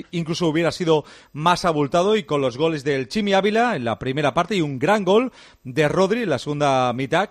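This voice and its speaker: A man giving a football match report on the radio, fluent but with some hesitation fillers. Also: a little high.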